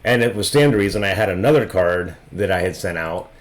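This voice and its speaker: Low-voiced man reviewing trading cards. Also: animated, fairly quick. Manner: loose and conversational, thinking aloud with frequent restarts. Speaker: trading card reviewer and host. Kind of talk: casual explanatory video review.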